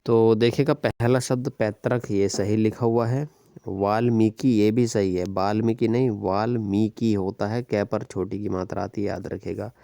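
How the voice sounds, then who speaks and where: Male tutor, low mellow voice, exam-prep language lesson, steady explanatory delivery with frequent check-ins. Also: a little slow, vocal fry, no room sound, studio quality. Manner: explains step by step, repeats "ठीक है" and "याद रखिएगा". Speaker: teacher.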